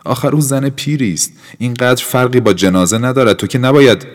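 An urgent young man, played by a male narrator in an audiobook, pushing hard with raised, insistent questions. The voice stays deep overall. A long, hall-like reverb hangs behind it. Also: darkish tone.

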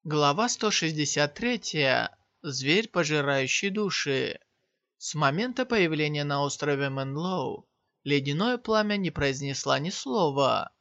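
A man reading a novel aloud as an audiobook narrator, in a steady storytelling manner. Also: on the high side, measured pace, no echo. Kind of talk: scripted narration. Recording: slightly dull, dry lo-fi sound.

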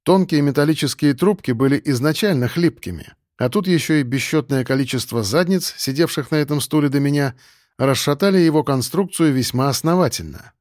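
A man's voice: on the high side, a little fast, a little mellow, dry recording, studio quality. A man narrating a crime novel in the first person, wry and slangy. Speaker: audiobook narrator.

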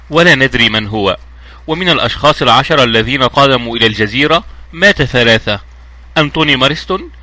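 A man reads a grave elderly judge who counts out the facts in a steady, measured voice. The tone is bright and forward. The sound is dry and close-miked. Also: mid-range voice, no echo, close to an everyday voice. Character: calm, authoritative elderly male judge. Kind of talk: audiobook reading.

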